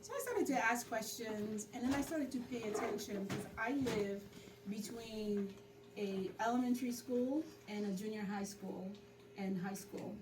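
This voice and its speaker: A woman's voice: a little high, moderate pace. A middle-aged woman born in Haiti, a community organizer, telling her story in an interview. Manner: storytelling, animated when quoting herself. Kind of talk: interview conversation. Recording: roomy, distant mic with background noise.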